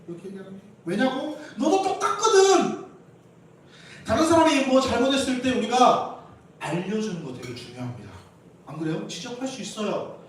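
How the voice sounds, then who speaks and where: A man with a Jeolla dialect preaching a lively Sunday sermon, asking questions and acting out quarrels in playful voices. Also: high voice, fast talker, a little hiss or hum. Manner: animated, acts out quarrels in playful voices, asks the congregation questions. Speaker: pastor. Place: church sanctuary. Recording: very echoey church hall from a distance.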